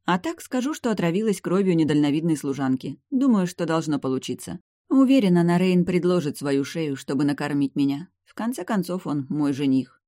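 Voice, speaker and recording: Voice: mid-range voice, expressive, a little fast, warm tone, no room sound, clean studio sound, lightly acted. A reader voicing a scheming young vampire woman with snappy retorts in an audiobook. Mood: confiding. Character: young female vampire heroine, sharp-tongued and scheming. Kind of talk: audiobook character voice.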